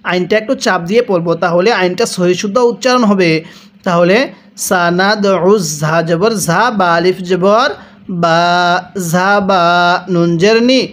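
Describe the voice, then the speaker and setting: A patient Quran reading teacher talks very slowly. He spells out each syllable and then has listeners repeat the word after him. His pitch sits in a middle range. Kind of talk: slow spelled-out recitation lesson.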